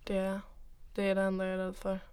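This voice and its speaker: A woman's voice: mid-range voice, completely flat delivery, darkish tone, clear, resonant tone. A young woman speaking reflectively and informally as an interview guest in a candid personal conversation. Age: young adult.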